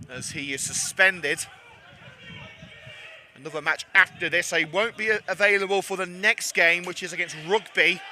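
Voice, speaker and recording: A man's voice: fairly high pitch, bright, forceful tone, slight background noise. A man giving chatty live commentary on a club football match, slightly out of breath. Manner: chatty, self-deprecating, with frequent fillers.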